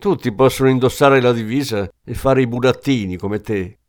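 Brief: male reader doing a contemptuous hard-boiled cop, cutting, pitched up. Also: normal speed, darkish tone, close to an everyday voice. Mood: scornful. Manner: scornful, cutting.

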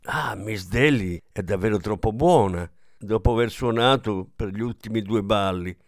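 A man voicing a brisk, lively young woman hosting a dance party. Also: lowish voice, no echo, clean studio sound, close to an everyday voice. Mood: bustling.

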